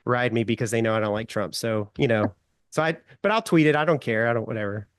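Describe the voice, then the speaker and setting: Animated middle-aged man telling stories. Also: medium pitch, quick pace, no room sound, studio quality. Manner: animated storyteller, chuckles often, many fillers. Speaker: guest writer. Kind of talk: casual anecdotal storytelling.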